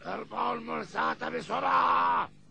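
A man voicing a fearsome, boastful pirate ship captain in a cartoon, gravelly and commanding, with theatrical menace. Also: mid-range voice, big pitch swings, moderate pace. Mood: barking orders. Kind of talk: cartoon voice acting. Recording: noisy old cartoon soundtrack.

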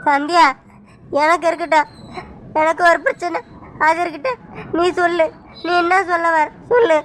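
A woman's voice: very high voice, moderate pace, fairly bright tone, a little hiss or hum. A woman with a Tamil accent voicing a desperate young man in a cartoon, pleading tearfully. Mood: distressed.

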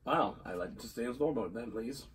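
Hoarse, husky man co-host. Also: mid-range voice, expressive, brisk, distant mic. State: hoarse from a long illness. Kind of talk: casual podcast chat.

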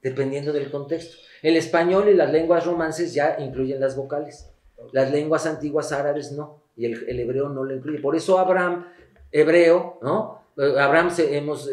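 A man appears as a guest expert on the Bible and sexuality in an interview, explaining things bluntly and emphatically like a teacher. His voice is a little high with a darkish tone, and the room sounds echoey.

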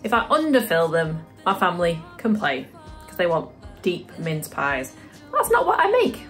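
A woman's voice: lowish voice, wildly swooping pitch, moderate pace, fairly bright tone, faint music behind. A British woman from the UK chatting casually to camera for her vlog, talking through her day as she goes. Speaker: vlogger.

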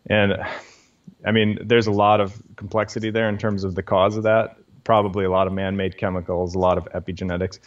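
A fairly low-voiced man who explains science patiently and steadily, dropping in lots of small fillers as he goes. The audio sounds a bit dull and lo-fi. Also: level tone, brisk. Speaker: guest scientist. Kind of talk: explanatory interview talk.

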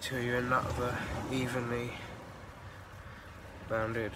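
Young man, stuffy nose, flat steady delivery, noisy beach at night. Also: mid-range voice, takes it slowly. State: bunged-up nose. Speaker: angler. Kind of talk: casual how-to demonstration.

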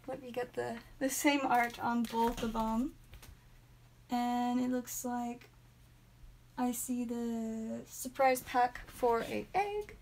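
Hosting a live stream from a small room at home, a young woman with a high voice opens card packs and reads out each card as she pulls it. Her manner is chatty and upbeat with sudden excited bursts, and a faint hiss lies under her voice.

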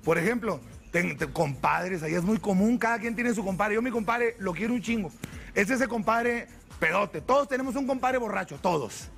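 Crude stand-up comic. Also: male voice, high-pitched, creaky, fairly bright tone, soft background music. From northern Mexico. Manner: crude, rapid storytelling. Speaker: stand-up comedian. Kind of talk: stand-up comedy.

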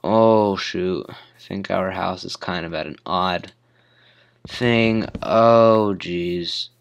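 A teenage boy, hoarse from a cold, rambles casually about his building game, using plenty of fillers. His low-pitched voice moves extremely slowly, and the recording's highs are cut off.

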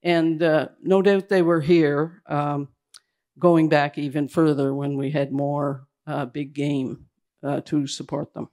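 A man giving a slide presentation at a public event indoors, talking in a hurried, halting way that keeps restarting its phrases. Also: on the high side, flat delivery, darkish tone. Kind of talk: slide presentation to a live audience.

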